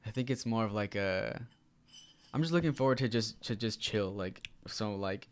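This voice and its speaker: In relaxed, slang-heavy conversation, this young podcast co-host, a native Spanish speaker, talks at normal speed in a lowish voice.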